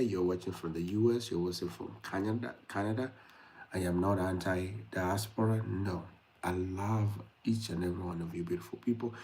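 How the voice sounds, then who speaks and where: Here a young Kenyan YouTube host chats informally with his audience during a late-night livestream, filling gaps with plenty of fillers. His voice sits low and sounds mellow, though the audio quality is poor.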